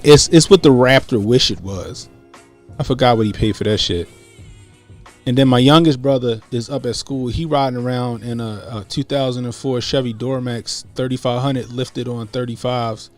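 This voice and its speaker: A man's voice: mid-range voice, moderate pace, faint music behind. A man in his late thirties from the Baltimore area, hosting a podcast and telling profane, laid-back stories in casual chat. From Baltimore area, USA. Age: 30s. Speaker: podcast host.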